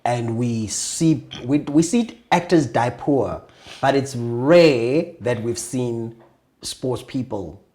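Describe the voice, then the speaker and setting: A man's voice: mid-range voice, slow pace, mellow. A South African man hosting a talk show, asking thoughtful, curious questions in a casual interview.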